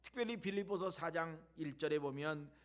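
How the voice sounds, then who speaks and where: A man preaching a sermon as a pastor in a church, telling stories that swing between loud emphasis and hushed near-whispers. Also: fairly high pitch, brisk.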